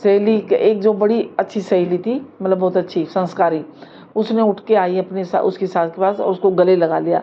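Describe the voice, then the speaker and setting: A woman's voice: medium pitch, steady tone, normal speed. A woman telling a family story in a loose, casual way, with many fillers and restarts. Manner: loose, repetitive, with filler words. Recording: dull audio with faint room noise.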